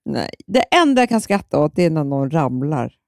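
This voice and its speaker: A woman's voice: deep voice, very animated, no echo. Playful woman chatting, dry close mic. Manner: playful, jokey, laughs at her own remarks. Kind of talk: casual chat.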